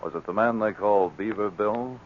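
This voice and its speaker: Man playing Sergeant Preston, deep-voiced radio lawman. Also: moderate pace, slight background noise, natural voice. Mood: firm, probing. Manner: authoritative, questioning, emphatic. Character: firm, probing, fair-minded police sergeant of the northern wilderness. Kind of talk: 1940s radio acting. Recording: muffled, worn 1940s radio recording.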